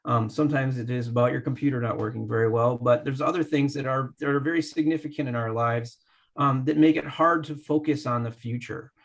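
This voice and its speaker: Male professor, gravelly timbre, halting lecture pace, choppy call audio. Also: mid-range voice, fairly even intonation. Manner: thoughtful, many fillers and restarts. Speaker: landscape architecture professor. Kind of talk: online presentation with slides. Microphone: computer mic on a video call.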